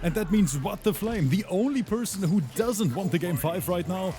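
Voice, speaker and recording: A man hosting and commentating a fighting game tournament, excitable and hyped, reading out chat between calls. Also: high-pitched, normal speed. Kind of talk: esports play-by-play commentary.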